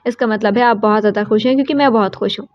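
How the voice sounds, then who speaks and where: A woman voicing a playful, teasing newlywed young woman, slightly high. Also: natural voice. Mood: cheerful. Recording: dull lo-fi audio.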